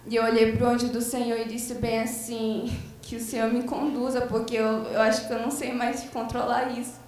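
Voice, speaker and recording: A woman's voice: on the high side, flat delivery, moderate pace, a little mellow. A Brazilian woman with a Brazilian Portuguese accent giving a fervent church testimony, retelling a vision full of quoted lines. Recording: very echoey church, voice far from the mic.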